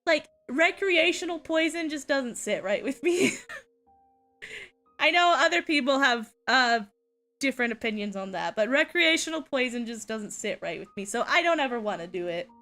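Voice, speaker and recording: Young woman streamer, high and very lively voice, bright, unhurried casual chat, constant giggles. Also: faint music behind. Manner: giggly, laughs often between sentences. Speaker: VTuber streamer.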